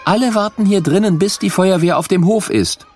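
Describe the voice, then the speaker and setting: A man's voice: high voice, normal speed, darkish tone, soft background music, pitched above the performer's own voice. A man voicing a female kindergarten teacher who calls the children back inside in a raised, coaxing voice, as in a children's storybook. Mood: urgent.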